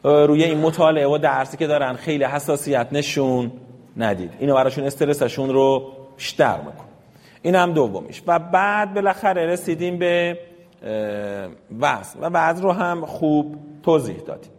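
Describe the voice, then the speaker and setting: A man with a fairly high voice teaches a class of parents about health, firing questions at the room and coaxing everyone to answer and read aloud together. His voice rings with the long reverb of a large lecture hall. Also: a little mellow. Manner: quizzes the audience and leads call-and-response. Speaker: health educator.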